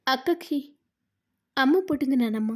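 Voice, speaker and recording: A woman's voice: sits high, expressive, normal speed, darkish tone. A woman voicing a sad, subdued young man, in a retold serial. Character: grieving young man, gentle brother.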